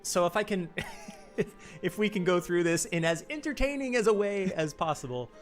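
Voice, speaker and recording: A man presenting a game livestream, talking fast and loosely with a chuckle. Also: sits high, animated, faint music behind.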